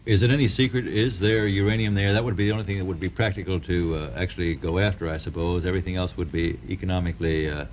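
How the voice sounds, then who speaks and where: A man's voice: low-pitched, fairly even intonation, quick pace, few pauses, a little hiss or hum. A man interviewing a guest in formal, questioning tones on a 1950s TV broadcast. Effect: old 1950s TV broadcast sound. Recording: dull lo-fi 1950s TV audio.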